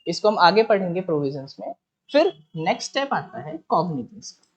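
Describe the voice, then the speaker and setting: A woman's voice: lowish voice, big pitch swings, brisk, darkish tone. Woman explaining law step by step. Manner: explains step by step, asks herself questions and answers them; keeps checking in with "theek hai". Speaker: law lecturer. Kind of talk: classroom lecture for judiciary exam prep. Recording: slightly dull, muffled recording.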